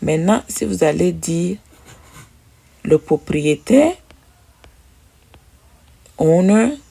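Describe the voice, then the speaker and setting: Slow, gravelly-voiced woman teaching pronunciation. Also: sits low, warm tone. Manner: slow, patient, repeating sounds for drilling. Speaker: English teacher. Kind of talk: pronunciation lesson.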